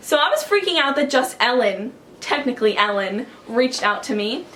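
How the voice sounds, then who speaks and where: Woman vlogger, higher-pitched voice, excitable and chatty, talking to camera at home. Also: moderate pace, a little hiss or hum. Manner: excitable and chatty, heavy use of "like". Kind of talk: casual storytelling to camera.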